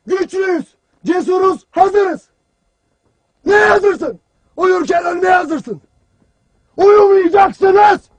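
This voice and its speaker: An actor playing a stern special forces commander who lectures his soldiers harshly and breaks into shouts. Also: very high-pitched, lo-fi sound. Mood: furious shouting. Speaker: military commander. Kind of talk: TV drama acting.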